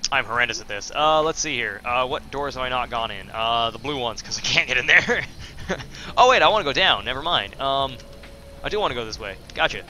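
A man's voice: medium pitch, lively intonation, a little fast, bright, forceful tone, slight background noise. A man giving casual, rambling commentary while playing a video game, full of fillers and self-deprecating asides. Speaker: let's play host.

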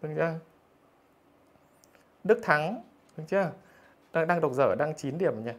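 A man's voice: a little high, lively intonation, a little slow. Teasing man teacher. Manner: teasing, jokey, keeps asking "được chưa?". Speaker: math teacher. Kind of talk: online livestream lesson, reading out scores.

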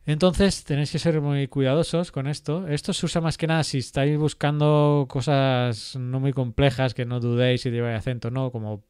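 A man walks through a software tutorial at a computer, thinking aloud and filling pauses with "eh" and "¿vale?". His voice is mid-pitched and recorded dry and close, with no room sound. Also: fairly even intonation, clean tone, no room sound. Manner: thinks aloud with frequent fillers and rhetorical "¿vale?". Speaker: GIS instructor.

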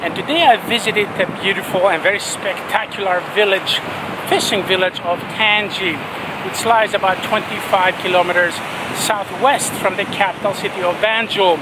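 An older man presenting a travel vlog to a handheld camera on an ocean beach, talking with great enthusiasm and piling on superlatives. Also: high voice. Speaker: travel vlogger. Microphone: camera held at arm's length. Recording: loud surf and wind noise. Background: crashing waves.

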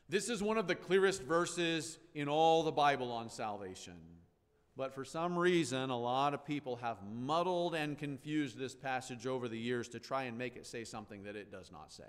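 A man preaching an expository sermon as pastor, emphatic, with loud declarations that drop to quiet asides. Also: fairly high pitch, clear, resonant tone, in a large hall. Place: church sanctuary.

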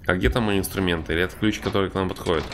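A man's voice: deep voice, fairly even intonation, racing, noisy background. A man giving casual, wry commentary on a horror game playthrough, with mock-tough banter. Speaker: game streamer.

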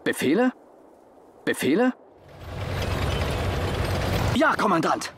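High-pitched, eager German infantryman. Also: big pitch swings, slow pace, noisy background, exaggerated voice. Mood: dutiful, brisk. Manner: clipped, urgent, forceful delivery. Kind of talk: military game unit barks. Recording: loud music and gunfire behind.

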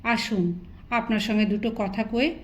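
A woman's voice: medium pitch, steady tone, moderate pace, close to an everyday voice. A woman reading the part of a proud, angry old male landlord in a storybook narration, stern and indignant. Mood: humble.

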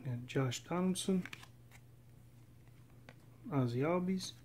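A man casually narrating as he opens packs of trading cards, reading off names in a steady, relaxed list. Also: a little high, slow pace, a little hiss or hum. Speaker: card collector opening packs. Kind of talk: casual running commentary. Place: indoors at a table.

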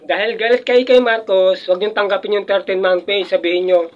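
High-voiced older man chatting, muffled. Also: fairly even intonation, brisk. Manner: rambling, chuckling, with many restarts. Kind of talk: casual chat. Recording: muffled lo-fi audio.

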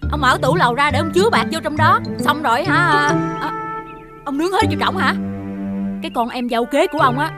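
An actress playing a bossy, shrewd wife in a TV folk-tale drama, with a scolding manner. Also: female voice, sits high, fairly quick, close to an everyday voice. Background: music.

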